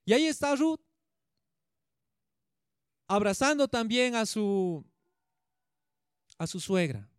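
A man's voice: sits high, sing-song, takes it slowly, long pauses, clean tone, no room sound, studio quality. A man preaching a sermon, retelling scripture and putting questions to his congregation.

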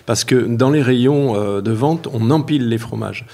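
A man being interviewed about his work as a cheesemaker, explaining slowly and carefully with many hesitations. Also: medium pitch, gravelly, warm tone. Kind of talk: casual spoken interview.

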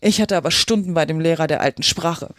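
A reader voicing a bossy, impatient griffin who talks loudly and bluntly in a storybook reading. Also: mid-range voice, brisk, no echo, clean studio sound, close to an everyday voice. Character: gruff bossy griffin from a fairy tale. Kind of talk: reading a children's classic aloud.

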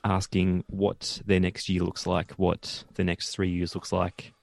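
A man's voice: low voice, monotone, a little slow, vocal fry, no echo. A man co-hosting a podcast, chatting casually and laughing often as he recaps a reality show. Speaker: podcast co-host.

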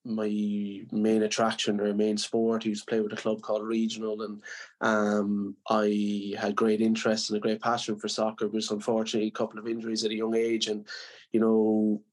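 A man's voice: fairly low pitch, completely flat delivery, moderate pace. A man from Limerick with a west of Ireland accent, answering as a podcast guest in an earnest, modest, conversational way. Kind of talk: casual interview reminiscence.

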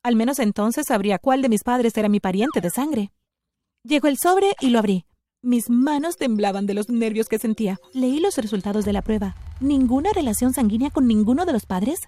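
A woman giving an expressive, scripted first-person narration of a story. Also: fairly high pitch, moderate pace.

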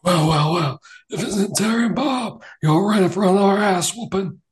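Man doing a sputtering cowboy villain, pitched up. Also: moderate pace, natural voice. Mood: gloating. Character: swaggering cowboy wrestler villain, sputtering when foiled.

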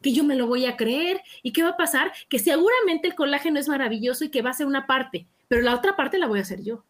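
A woman's voice: sits high, expressive, fast talker. A woman in casual conversation, talking animatedly and acting out the voices of the people she quotes. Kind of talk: casual chat.

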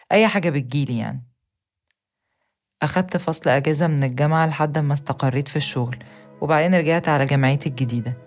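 Young woman, Egyptian accent, scripted first-person narration, rapid delivery, soft music underneath. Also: sits low. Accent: Egyptian Arabic. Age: young adult.

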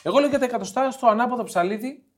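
A man co-hosting a casual football podcast chat, playful and joking, often stumbling and repeating words. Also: extremely high pitch. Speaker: podcast co-host.

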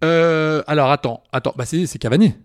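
A man co-hosting a casual chat, talking in excited bursts with stammered restarts and frequent laughs. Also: on the high side, brisk, no echo, studio quality. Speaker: podcast co-host.

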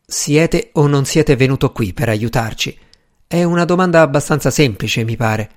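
A man reads as a cold, distrustful woman in an audiobook, clipped and impatient. Her lines come dry and weary, with no warmth in them. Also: medium pitch, a little slow, natural voice. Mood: exasperated.

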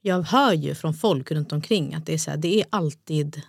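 A woman's voice: sits low, creaky, breathy edge, dry recording, studio quality. A woman co-hosting a podcast in casual chat, listening supportively and chiming in with agreement. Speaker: podcast co-host.

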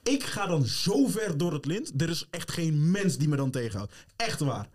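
A man's voice: on the high side, very animated, moderate pace, darkish tone, husky. A man co-hosting a casual podcast, talking emphatically and often switching into English phrases. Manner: mixes English into his talk, emphatic and heated. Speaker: podcast co-host.

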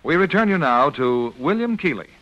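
A man working as a radio announcer, with a clear, formal announcer delivery, heard as an old radio broadcast. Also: a little high, big pitch swings, moderate pace, no echo, dull audio. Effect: old radio broadcast sound.

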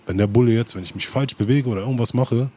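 A man's voice: medium pitch, fast talker, mellow, a little hiss or hum. A man telling stories in casual chat, full of street slang and acted-out quotes. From Germany.

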